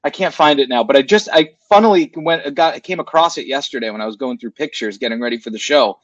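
A man's voice: mid-range voice, fast, no room sound. Rambling talk-radio man, dull lo-fi sound. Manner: rambling, self-correcting storyteller. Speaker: radio show co-host. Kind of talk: casual chat.

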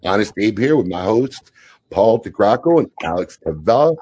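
A man's voice: lowish voice, very animated, normal speed, darkish tone, slightly rough. A man hosting a talk radio show, teasing his co-host and leading segments in an easygoing way. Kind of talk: casual chat and show hosting.

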